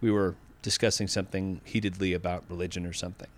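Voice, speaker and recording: Podcast guest, man in his fifties from Massachusetts, lowish voice, candid and reflective, restarts sentences mid-thought. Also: little pitch movement, fast. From Massachusetts, USA. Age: 50s. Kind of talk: casual interview conversation.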